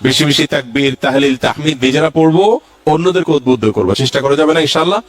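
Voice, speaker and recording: A man's voice: a little high, fast talker. A male Islamic preacher giving a religious lecture, going through numbered points and reciting Arabic verses.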